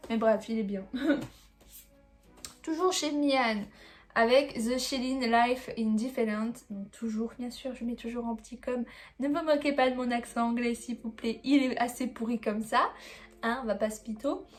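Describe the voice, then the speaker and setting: A woman's voice: on the high side, moderate pace, faint music behind. Chatty woman rambling about her manga. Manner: chatty, rambling, fillers like bref and voilà. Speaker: manga reviewer. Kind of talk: casual chat about a manga haul.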